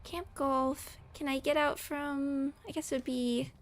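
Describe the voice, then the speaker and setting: A woman's voice: high-pitched, little pitch movement, unhurried. A woman giving casual let's play commentary, musing aloud in short fragments as she plays a video game. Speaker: gamer commenting on her own playthrough.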